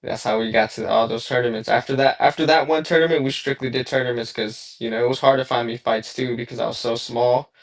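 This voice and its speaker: A young man from Southern California talks about his boxing past in an easygoing, meandering way. His voice sits at a medium pitch, and he fills pauses with ums and you-knows. The sound comes over a remote call. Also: fairly even intonation. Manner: laid-back, rambling with many fillers. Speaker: boxer guest. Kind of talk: casual interview.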